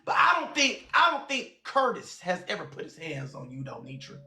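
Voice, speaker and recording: Forties guy on a live stream, high gravelly voice, blunt, keeps repeating himself. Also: wildly swooping pitch, moderate pace, pushed and bright, echoey room. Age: 40s. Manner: blunt, repeats phrases and names for emphasis. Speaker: livestream host. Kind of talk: heated livestream chat.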